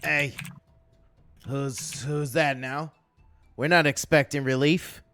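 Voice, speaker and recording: A man's voice: fairly high pitch, steady tone, slow, bright, forceful tone, faint music behind, pitched above the performer's own voice. A man doing a bossy goblin guard barking orders. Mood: suspicious.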